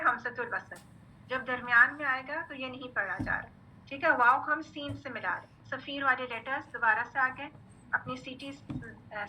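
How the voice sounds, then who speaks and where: A woman teaching Quran recitation, patient and methodical, drilling letter sounds slowly and checking in with her class often. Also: high voice, pushed and bright, a little hiss or hum, low-quality recording. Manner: patient, repeats "theek hai" often. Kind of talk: online tajweed lesson.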